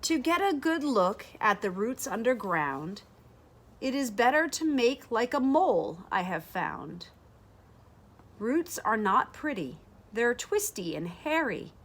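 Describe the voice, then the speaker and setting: A woman in her thirties, an educator, reads a rhyming picture book aloud to children in a bright indoor sunroom with large windows. Her higher voice carries animated intonation, and she delivers each line deliberately with expressive phrasing aimed at kids.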